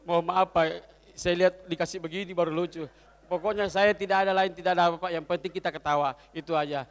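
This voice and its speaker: A man tells jokes to a corporate audience in a high, lively voice. He slips in and out of characters, dropping soft for some and shouting for others. The hall's long reverb trails after every line. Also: fast. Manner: lively storytelling, swings between loud and soft voices for characters. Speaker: comedian. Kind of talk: stand-up jokes at a corporate event. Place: event hall.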